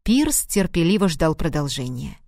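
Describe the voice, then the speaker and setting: A woman narrating a novel in a measured storytelling manner. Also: low-pitched, big pitch swings, vocal fry, darkish tone, no room sound. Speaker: audiobook narrator. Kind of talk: scripted narration.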